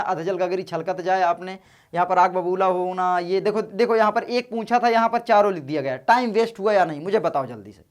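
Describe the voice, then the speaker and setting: A man teaching students how to write board exam answers, talking in a casual, chatty way and checking in with them often. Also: high-pitched. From northern India. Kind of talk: exam-prep tutorial.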